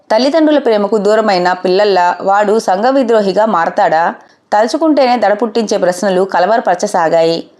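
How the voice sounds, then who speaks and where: Woman reading a story, calm measured pace, average pitch. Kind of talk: scripted narration.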